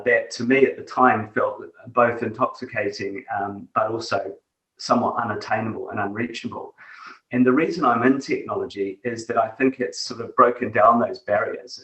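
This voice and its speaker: Speaking in a fairly low, bright and forceful voice, this New Zealand-accented, middle-aged tech executive reflects during a conversational interview, often filling pauses and restarting sentences. He sounds distant from the mic in an echoey room.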